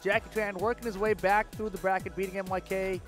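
Man, esports commentator, high voice, quick delivery, headset mic, faint music behind. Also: little pitch movement, a bit bright. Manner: joking, laughs often. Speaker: tournament commentator.

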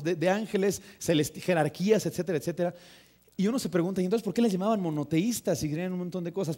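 A young man with a Mexican Spanish accent preaching a sermon in church, conversational and humorous, often turning to the congregation with lively asides. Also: on the high side. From northern Mexico. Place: church sanctuary.

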